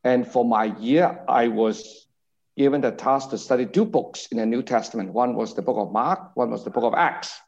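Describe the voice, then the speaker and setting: A man's voice: mid-range voice, a little mellow. Man on a dull call line. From Hong Kong. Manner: measured storyteller, repeats reported speech. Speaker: guest, mission agency director. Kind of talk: conversational interview testimony. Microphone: video call. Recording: dull remote-call audio.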